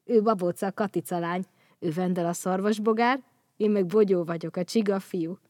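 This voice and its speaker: A woman voicing a cheerful little snail boy in a storybook, calling out brightly. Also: mid-range voice, no echo, studio quality, close to an everyday voice. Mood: polite.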